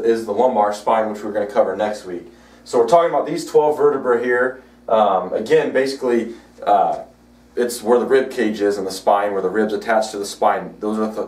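A man who works as a chiropractor, giving an educational video blog talk, halting with many fillers. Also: on the low side, roomy sound, recorded from a distance. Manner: halting, frequent "uh" and "you know" fillers.

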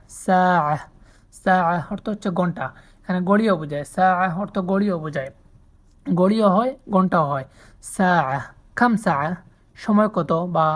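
Slow, repeating woman teaching vocabulary. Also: lowish voice. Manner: slow, repeats each word and its meaning. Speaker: language teacher. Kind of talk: spoken vocabulary lesson.

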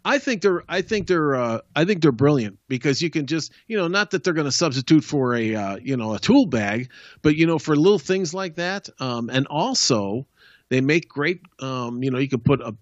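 A man co-hosting a home improvement talk show, speaking in a relaxed, rambling way. His voice sits at a medium pitch and sounds dry and slightly muffled, as if recorded close to the mic with little room sound. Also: moderate pace, no room sound. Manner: easygoing, rambling with fillers. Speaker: co-host. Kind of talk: casual chat.

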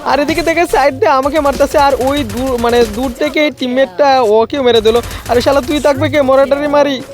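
A man giving comic, teasing commentary over a shooter match, yelling at his teammates. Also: extremely high pitch, fairly even intonation, brisk, faint music behind. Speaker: gamer.

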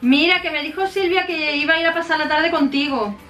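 Bright, high-voiced middle-aged woman. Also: a little fast. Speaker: mother co-hosting a prank video. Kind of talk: casual chat. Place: small bedroom, indoors. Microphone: camera a short distance away. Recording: echoey bedroom, distant mic, faint music.

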